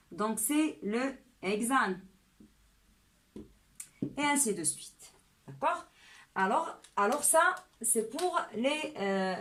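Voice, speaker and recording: A woman's voice: a little high, a bit bright. A woman teaching a chemistry lesson step by step, often checking in with "d'accord?". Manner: slow and deliberate, often asks "d'accord?".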